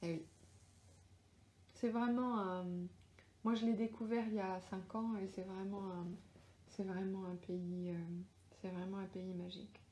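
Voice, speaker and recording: Woman author on a home live stream, mellow tone, roomy echo, chatty and unscripted. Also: mid-range voice, level tone, measured pace, long pauses, a little hiss or hum. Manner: chatty, thinking aloud, answering comments. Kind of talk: casual live-stream chat with viewers. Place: at home in Australia. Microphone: livestream webcam or phone.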